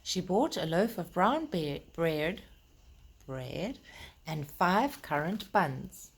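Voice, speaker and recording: With a slow, breathy, lowish voice that rises and falls in big swings, a woman reads a story aloud to young children. As the storytime host, she talks to them directly and explains things simply.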